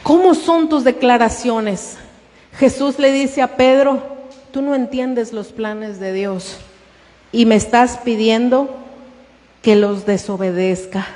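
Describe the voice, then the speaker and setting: A woman's voice: fairly high pitch, steady tone, takes it slowly, warm tone, long reverb tail. A woman pastor preaching a sermon, asking the congregation questions and calling them "hermano".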